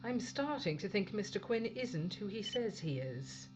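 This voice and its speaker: In an audio drama, a woman plays the tough, commanding captain of a failing spaceship, blunt and authoritative. Her medium-pitched voice is very animated at a measured pace over background noise, and the mood is wary and determined.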